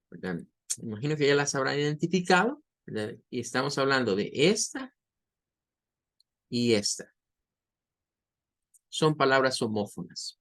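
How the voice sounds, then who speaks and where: A man teaching English pronunciation, saying each example word over and over slowly. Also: mid-range voice. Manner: patient, repeats words slowly for drilling. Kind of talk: online language lesson.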